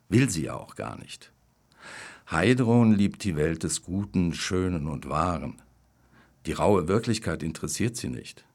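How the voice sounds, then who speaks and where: Deep-voiced man reading a story. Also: breathy edge. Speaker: narrator. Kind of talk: scripted narration.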